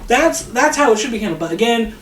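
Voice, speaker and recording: A man's voice: extremely high pitch, lively intonation, fast, a bit bright. A man co-hosting a podcast, chatting casually about a movie and retelling scenes bluntly with lots of swearing. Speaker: podcast co-host. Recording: distant echoey mic with hiss.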